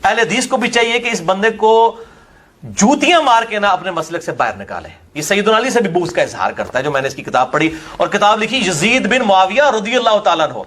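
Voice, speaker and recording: A man's voice: sits high, big pitch swings, a bit bright. A man with a Punjabi accent giving a combative religious lecture, mocking his opponent and putting questions straight to his listener. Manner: combative, mocking, drifts between Urdu and Punjabi. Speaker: religious speaker.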